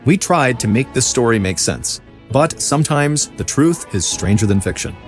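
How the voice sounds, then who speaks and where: A man's voice: medium pitch, moderate pace. A man narrating a true-crime story as a podcast host, in a dramatic storytelling manner. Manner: dramatic storytelling, lively intonation. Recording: faint music behind.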